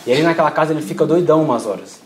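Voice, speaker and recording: A young preacher gives an informal sermon, speaking casually with slang and acting out the prayers he quotes. His voice is a little high and rapid-fire. The room is echoey, with faint ambient noise.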